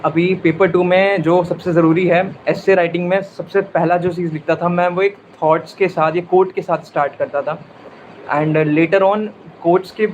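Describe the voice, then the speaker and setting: A man's voice: high voice, dull audio, slight background noise. A man, giving exam-prep advice in an interview and mixing in English with many fillers and self-corrections. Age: 20s. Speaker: exam topper sharing preparation advice. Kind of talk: live interview answers.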